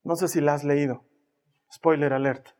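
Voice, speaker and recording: A middle-aged man preaching a sermon as a pastor, swinging from loud, emphatic lines to soft whispers, with slow, dramatic pauses on single words. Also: fairly high pitch, fairly even intonation.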